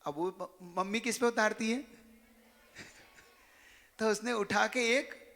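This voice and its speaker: A man's voice: sits high, slow, bright, forceful tone, long reverb tail. A male preacher giving a sermon to young students. He tells stories and asks many rhetorical questions. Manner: storytelling, full of rhetorical questions. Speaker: religious preacher.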